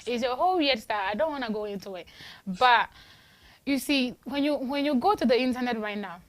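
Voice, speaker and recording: A Ghanaian woman hosts a casual call-in radio talk show, her voice fairly high and a little fast. She's chatty and emphatic, often restarting her sentences.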